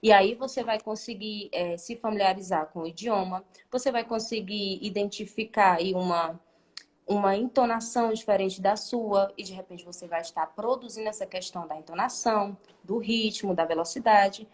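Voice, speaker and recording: A woman teacher speaks at a middle pitch and explains ideas patiently during a live online class. She keeps checking in with her listener through a questioning "né?" and sometimes restarts her sentences while she thinks aloud. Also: moderate pace. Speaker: Spanish teacher.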